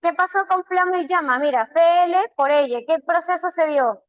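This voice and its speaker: A woman with a Peruvian Spanish accent teaching an online language class, patiently repeating key terms slowly. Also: very high-pitched, no echo, low-quality recording.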